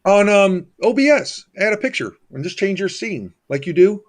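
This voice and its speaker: A man's voice: high voice, big pitch swings, moderate pace. A man hosting a livestream, chatting casually in a folksy, familiar way with his viewers. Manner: folksy, familiar, addresses viewers as buddy and brother. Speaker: livestream host.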